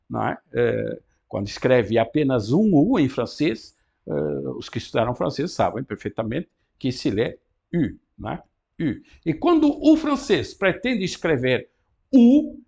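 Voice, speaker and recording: A man's voice: medium pitch, vocal fry, a little mellow, slightly rough. A man teaching an introductory university class, leaning hard on the tag "não é?" and scornful of popular mistakes. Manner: repeats "não é?" constantly, emphatic, scornful of errors. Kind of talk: university lecture.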